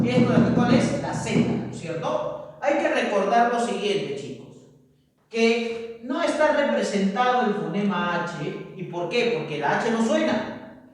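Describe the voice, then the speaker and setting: A man teaching a classroom lecture to students, who keeps checking in with tag questions. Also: sits high. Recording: echoey room, far from mic.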